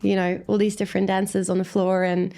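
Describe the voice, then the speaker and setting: Brisk and gravelly, with a dark tone and little pitch movement, this mid-range voice belongs to an Australian dancer in her twenties. She's an interview guest, chatting casually in an upbeat, reflective way.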